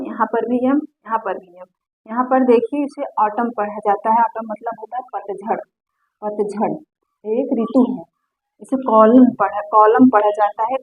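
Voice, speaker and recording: Lady teacher going over pronunciation rules, slightly high voice, tinny phone-like sound. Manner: patient, repeats each example word. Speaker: English teacher.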